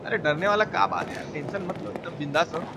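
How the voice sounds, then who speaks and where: A fast-talking, high-pitched man provides live gameplay commentary, cursing casually and speaking to viewers, including chat shout-outs. The recording has clear background noise and video game ambience.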